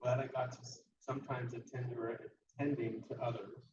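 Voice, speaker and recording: A man reading a tribute letter aloud at a memorial, in an earnest, measured way. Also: medium pitch, level tone. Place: memorial gathering hall. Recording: echoey room from far off, dull, noisy.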